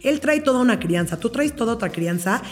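A woman's voice: a little high, animated, a little fast, soft background music. A woman, a parenting expert explaining things emphatically in an interview.

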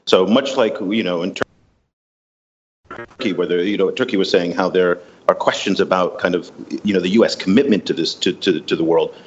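A man in his forties, a TV reporter calling in from Asia, giving measured commentary with frequent "you know" fillers over a remote line that keeps breaking up. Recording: muffled, reverberant remote line, faint rumble.

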